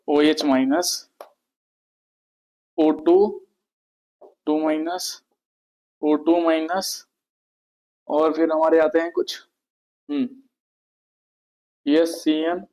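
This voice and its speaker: A man gives a board lecture on chemistry, his voice sitting a little high. He repeats every term and poses questions that he answers himself. He sounds like a teacher talking his students through a slide. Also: darkish tone, poor audio.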